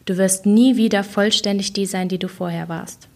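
A woman reading aloud, voicing a young man's solemn, quiet pronouncement as a grave cousin figure. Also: medium pitch, steady tone, normal speed, natural voice.

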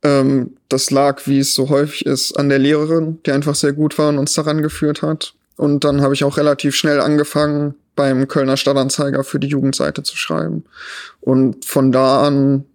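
A man in his thirties, a journalist with a Rhineland accent, is being interviewed on a podcast. He speaks at a moderate pace with a medium pitch, sounding relaxed and reflective and filling pauses with frequent ums.

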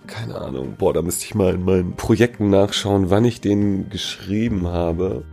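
There's soft music behind this musician as he gives an easygoing interview, teasing and using slang freely. His voice is very low, warm and gravelly, and he speaks at a normal pace.

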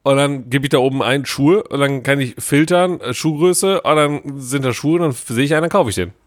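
Fast-talking chatty man, dry sound. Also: medium pitch, dry recording. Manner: rambling, emphatic, self-mocking. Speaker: podcast co-host. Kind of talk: casual chat.

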